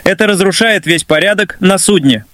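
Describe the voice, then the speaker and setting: A man's voice: high-pitched, moderate pace, fairly bright tone, dry recording, clean studio sound, pitched above the performer's own voice. A man reading as a distraught captain father. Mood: pained. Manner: pleading, shaken. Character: distraught middle-aged male yacht captain and father.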